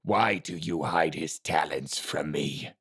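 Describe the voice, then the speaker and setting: Man voicing a gravelly, slow old assassin master. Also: fairly bright tone, heavily acted. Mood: cold. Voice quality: low gravelly voice. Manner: slow, cold, commanding. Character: old male assassin clan leader, menacing. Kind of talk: audiobook character voice.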